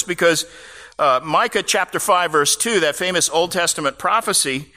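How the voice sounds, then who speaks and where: A pastor preaches a sermon, unpacking scripture passages and dropping casual asides to the congregation. His voice is on the high side, bright and forceful, with the long reverb of a large hall.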